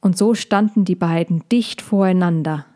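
A woman narrating a children's fantasy story in a slow, soothing reading. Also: on the low side, warm tone.

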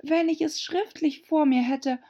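A woman's voice: high-pitched, steady tone, unhurried, mellow, highs cut off, pitched above the performer's own voice. A woman voicing Alice, a polite and thoughtful young girl, speaking earnestly.

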